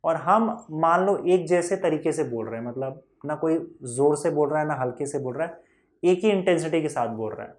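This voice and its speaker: A man's voice: a little high, lively intonation, normal speed. A man teaching a physics lesson in a patient way, repeating key points and asking whether the class has understood.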